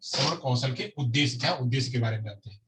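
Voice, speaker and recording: A man's voice: medium pitch, quick pace, fairly bright tone. A man teaching a lecture, often repeating phrases and answering his own questions. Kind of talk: explanatory lecture. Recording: distant mic with faint noise.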